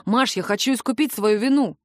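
A woman's voice: a little high, brisk, no room sound, close to an everyday voice. A woman reading an audiobook, voicing a young man who insists and coaxes, close to her own voice. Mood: pleading. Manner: insistent, coaxing. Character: young man, pleading and pushy ex-boyfriend.

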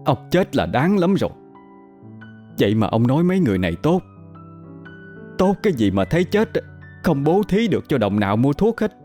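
A greedy middle-aged village woman wails and scolds in a piercing, self-pitying voice, put on by a male storyteller. The voice sits far above his usual low register. Faint music plays underneath. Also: big pitch swings, moderate pace, pauses often, warm tone. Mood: wailing. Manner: wailing, shrill, self-pitying.

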